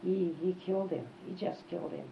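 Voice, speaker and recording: Elderly woman, low gravelly voice, halting reminiscence, repeated phrases, dull tape. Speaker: oral history interviewee. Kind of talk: casual reminiscing in an interview. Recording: dull, lo-fi tape with faint noise.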